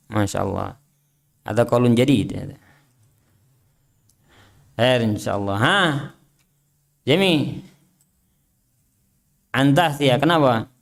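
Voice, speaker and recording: Slow, deliberate male religious teacher. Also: mid-range voice. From Indonesia. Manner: reads Arabic text then translates and explains; drills students with short questions. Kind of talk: Islamic study lesson, quizzing students.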